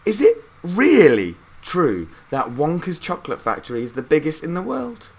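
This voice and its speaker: A man's voice: fairly high pitch, huge pitch swings, normal speed, slightly rough, pitched above the performer's own voice, heavily acted. Man playing a curious, polite little boy. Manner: earnest, questioning.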